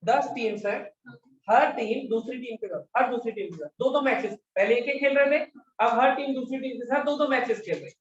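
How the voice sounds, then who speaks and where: In a classroom math lecture, a man with a very high voice talks a little fast, repeating his questions and constantly urging students to reply. The recording is lo-fi and dull, with a distant mic and room echo.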